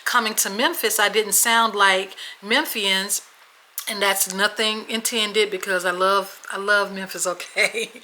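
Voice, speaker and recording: A talkative woman from Washington State co-hosts a relaxed chat, telling her story warmly and often checking in with her listeners. Her voice is bright and clear, sitting at an ordinary middle pitch. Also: measured pace, a little hiss or hum, rough recording. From Washington State, USA. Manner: chatty storyteller, often checks in with "okay?" and "y'all". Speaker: podcast co-host. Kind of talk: casual chat.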